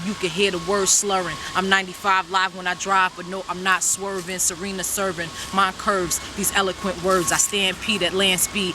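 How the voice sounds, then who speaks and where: A woman rapper from New York, rapping fast and intense verses and talking casually about her music. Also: on the low side, background noise. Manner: rapid intense rhyming delivery. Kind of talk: rapping and casual interview talk.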